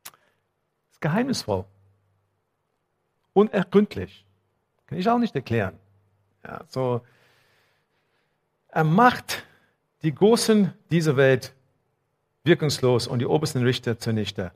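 A man's voice: lively intonation, a little slow, long pauses. A male pastor giving a sermon, talking conversationally to the congregation with many fillers and growing emphatic on scripture passages. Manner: emphatic, rising in pitch and volume on quoted laments.

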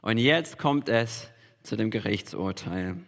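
A man's voice: lowish voice, expressive, slow pace, creaky. A man preaching a sermon as pastor, emphatic and repeating key phrases for weight. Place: church hall. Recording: long reverb of a large hall.

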